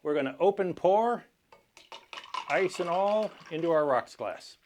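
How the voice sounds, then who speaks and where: A man hosting a cocktail tutorial, explaining each step in a measured, instructional way. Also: high voice, animated, darkish tone, a little hiss or hum. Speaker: cocktail channel host. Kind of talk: cocktail recipe tutorial presentation.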